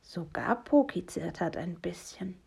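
A woman reading a children's bedtime story aloud, soft and gentle, often hushed. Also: lowish voice, animated, unhurried, gravelly, breathy edge, whispered. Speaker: reader.

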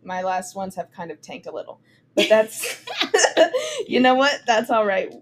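A young woman hosting a casual podcast chat, upbeat and quick to laugh. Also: medium pitch, slight background noise. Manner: chatty, laughs often, upbeat. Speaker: podcast host.

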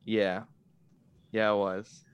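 A man co-hosting a casual podcast, telling absurd stories in a laid-back, deadpan way. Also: fairly low pitch, slow pace, clean tone, muffled recording. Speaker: podcast co-host.

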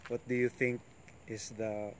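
A young Filipino man, native in Tagalog, chats casually in a mid-range voice with a Filipino accent. He muses in a halting, tipsy way and mixes languages, over faint background noise. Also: medium pitch, little pitch movement. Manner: halting, drunken musing, mixing in Tagalog. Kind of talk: casual chat.

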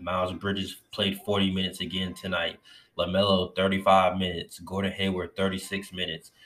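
A man giving a casual, profane recap of his team's win, excitable and swearing often, while getting over covid and feeling a bit lightheaded. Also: deep voice. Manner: loose, profane, excitable fan talk. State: recovering from covid, a little lightheaded. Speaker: sports fan vlogger.

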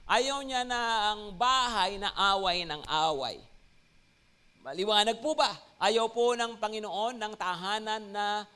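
High-voiced Filipino pastor preaching. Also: male voice, a little slow, smooth. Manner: mixes Tagalog and English, frequent "no?" and "Amen?" check-ins; lively, rising emphasis on key words. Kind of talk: sermon.

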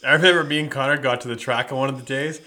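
A man's voice: medium pitch, fairly even intonation, very fast, pushed and bright. A man hosting a casual interview, asking curious, friendly questions. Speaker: interviewer, host.

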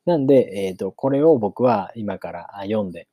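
A man hosting his channel, chatting casually with many filler pauses, then reading a novel aloud for learners. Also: fairly low pitch, no room sound, clean studio sound. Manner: relaxed, lots of filler pauses.

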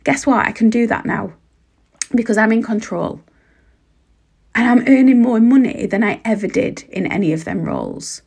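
A woman podcast host and coach with a hoarse, croaky voice, giving an emphatic motivational talk straight to the listener, repeating phrases for weight. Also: on the high side, moderate pace, a little mellow. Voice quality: husky, croaky. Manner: emphatic, repetitive, direct address to listener. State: hoarse, sore voice.

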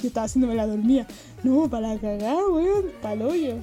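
High-voiced Chilean woman telling stories. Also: expressive, normal speed, dark tone, faint music behind. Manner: slangy, swears often, laughs through stories. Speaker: storyteller. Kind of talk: casual anecdote telling.

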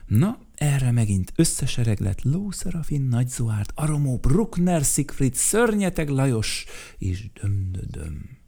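A man reading a children's story aloud in an expressive, playful voice. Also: medium pitch, creaky.

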